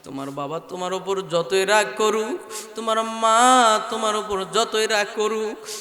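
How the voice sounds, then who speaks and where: A man's voice: high voice, a little slow, bright, forceful tone. A man preaching a sermon to a gathering, pleading in a half-sung style and calling out to the crowd. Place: outdoor religious gathering at a school ground. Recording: echoey long reverb, faint music.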